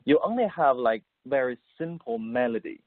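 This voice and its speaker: Over a thin, dry telephone connection, a guest composer and musician from Beijing, China, responds to an interview in English shaped by his native Mandarin. His mid-range voice is expressive, and he pauses and repeats words as he searches for how to put things.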